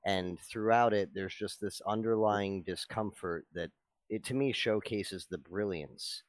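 A man's voice: lowish voice, unhurried, no echo. A man giving an articulate, analytical take in a casual chat.

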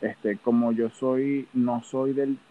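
A man's voice: medium pitch, fairly even intonation, slow, narrow, tinny audio. Playful venezuelan guy, chatty podcast co-host. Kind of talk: casual chat.

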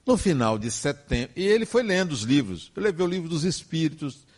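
An older man with a Brazilian Portuguese accent, giving a personal testimony as a spiritist speaker in slow, emphatic, emotive storytelling. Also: on the high side, big pitch swings, darkish tone.

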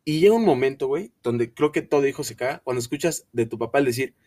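A man's voice: mid-range voice, fast, distant mic. A young man with a Mexican Spanish accent, co-hosting a casual podcast chat, full of slang, acting out what his parents say. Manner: slangy, animated, acts out his parents' voices. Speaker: podcast co-host.

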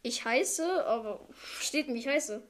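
High-pitched playful young female voice. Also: a little slow, slight background noise. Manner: excitable, playful, jumpy. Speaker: podcast co-host. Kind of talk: casual goofy chat.

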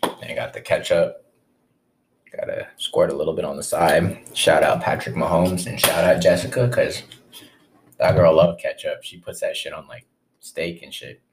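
A man's voice: a bass voice, fairly even intonation, moderate pace, a little hiss or hum. A young man hosting a casual solo podcast, swearing freely and rambling through asides while he eats breakfast and talks with his mouth full. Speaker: podcast host.

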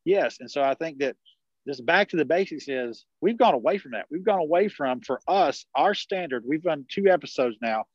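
Speaking over a video call, a podcast guest in his forties who works in network marketing carries a rural South Carolina accent and rambles through a casual conversational interview, full of restarts and fillers. He sounds animated, pitched on the high side, at a moderate pace. There's no room sound, but the recording is muffled.

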